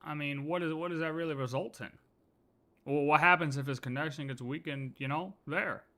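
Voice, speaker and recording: A game streamer with a fairly high, pushed, bright voice talks a little fast while musing through his playthrough in laid-back live commentary. Game music plays faintly behind him.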